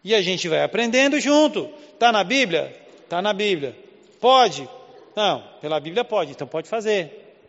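In a church hall, a man with a Southeast Brazilian Portuguese accent preaches conversationally, firing off rhetorical questions. His high voice is very animated and fairly bright at a moderate pace, heard with big-room sound and missing highs.

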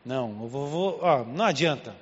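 Male preacher, lively sermon storytelling, dull lo-fi church recording. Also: medium pitch, moderate pace, slightly rough. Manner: animated storytelling, frequent "né?" asides. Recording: long reverb, dull lo-fi sound.

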